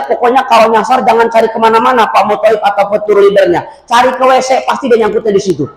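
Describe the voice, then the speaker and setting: A male preacher, giving a humorous sermon with lively storytelling and emphatic shouting. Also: very high-pitched. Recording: echoey hall with faint noise.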